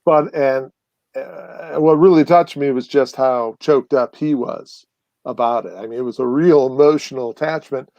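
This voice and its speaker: Man, guest, mid pitch, rambling anecdotal chat, dry close sound. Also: moderate pace, no room sound, dull audio. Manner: rambling, animated, many fillers and restarts. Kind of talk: casual storytelling chat.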